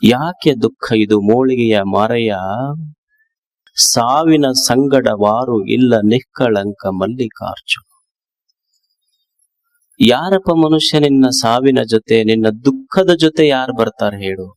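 A man with a North Karnataka Kannada accent giving a sermon as a swamiji, slow and emphatic, repeating key phrases. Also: mid-range voice. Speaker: swamiji preacher.

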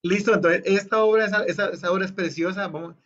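A man's voice: sits high, steady tone, quick pace, a bit bright, lo-fi sound. A man directing a choir over a video call, explaining the exercise and then demonstrating it by half-singing the phrases. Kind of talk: online choir rehearsal instruction.

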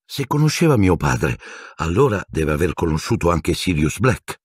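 A man voicing an earnest, shaken teenage boy wizard in an audiobook, pitched well up and urgent. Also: very animated, normal speed, slightly rough, no room sound, clean studio sound, exaggerated voice. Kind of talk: audiobook character voice.

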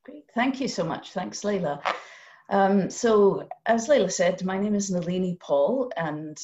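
A woman's voice: mid-range voice, lively intonation, unhurried, warm tone. A middle-aged woman who grew up in Canada, a poet and lecturer speaking thoughtfully and academically in an online panel talk from her home. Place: home room with lamp. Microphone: video call. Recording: slightly dull video call audio.

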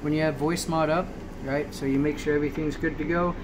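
A man giving a casual, off-the-cuff tutorial in a halting way with frequent check-ins, recorded on a handheld phone indoors. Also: a little high. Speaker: tutorial maker. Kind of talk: casual off-the-cuff screen walkthrough. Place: small room indoors at a laptop. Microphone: handheld phone camera filming the screen. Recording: noisy home phone video, steady hum.

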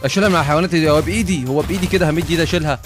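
A man with an Egyptian Arabic accent giving excitable gaming commentary, swearing and dropping in English phrases. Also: fairly high pitch, rapid-fire, soft background music. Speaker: gamer.

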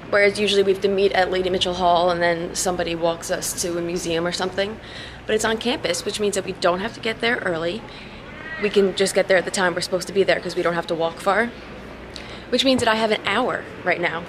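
A young woman vlogging in a casual, chatty way, hoarse from a cold and quick to laugh at herself. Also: medium pitch, fairly even intonation, background noise. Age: young adult. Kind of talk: casual vlog chat to camera.

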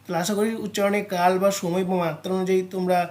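A teacher with a West Bengal Bengali accent talks through an exam-prep grammar lesson in a mid-pitched voice. The teacher keeps turning to the students with questions and then answers them. Example sounds are drawn out slowly, one by one. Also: flat delivery, darkish tone. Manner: addresses students directly, poses and answers its own questions.

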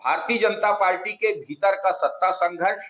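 Middle-aged man, high voice, formal press-statement delivery, measured and insistent, lapel mic indoors. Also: fairly bright tone, highs cut off. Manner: measured, emphatic, repeats key words for stress. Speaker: Congress party spokesman at a press conference. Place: small office room, indoors. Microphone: clip-on lapel mic, table of press mics.

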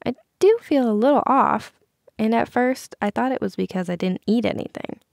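A carefree teenage party girl, breezy and playful, as a woman narrator puts her on. Her voice rides high above the narration and has a slight rasp. It is a storybook reading in a dry, close recording. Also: moderate pace, a little mellow, dry recording. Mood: woozy.

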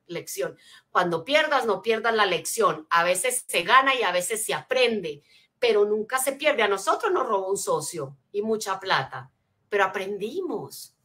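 A woman giving a motivational seminar talk, teaching her points like a lesson and checking in with listeners with rhetorical questions. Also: medium pitch. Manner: energetic teacher, frequent rhetorical check-ins; spells out acronyms, asks listeners to take notes. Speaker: motivational speaker.

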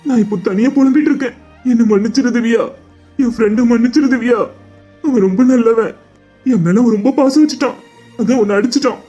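A man's voice: high voice, racing, darkish tone, muffled recording, faint music behind, natural voice. A man voicing a grieving, loyal young man in a cartoon drama, talking in an earnest, pleading way. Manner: earnest, pleading, tearful monologue.

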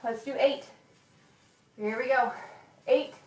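Woman fitness instructor, high voice, unhurried cues, encouraging, counts reps, echoey gym, distant mic. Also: steady tone, darkish tone. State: occasional coughing. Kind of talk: live workout class coaching. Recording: echoey room, mic far off.

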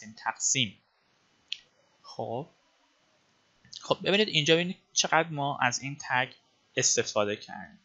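A man's voice: medium pitch, bright, forceful tone, highs cut off. A man teaching web design in a screencast, explaining step by step with frequent filler sounds and calling his viewers friends. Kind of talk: screencast coding tutorial.

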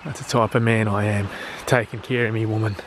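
A man's voice: fairly low pitch, fairly even intonation, a little fast, background noise. An Australian man talking casually on a travel vlog, blunt and crude, swearing freely and joking about himself. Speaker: travel vlogger.

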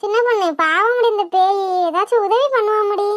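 A woman's voice: very high voice, normal speed, no echo. A woman voicing a desperate female ghost mother in a cartoon, begging over and over for help to see her child. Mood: pleading. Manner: begging, repeats pleas over and over. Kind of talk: cartoon voice acting. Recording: dull lo-fi, dry.

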